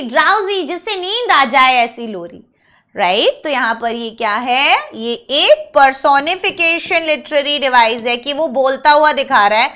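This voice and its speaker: A female teacher gives an online English grammar lesson, explaining in Hindi while using English terms and slowly drilling word forms one at a time. Her high-pitched voice sounds pushed and bright.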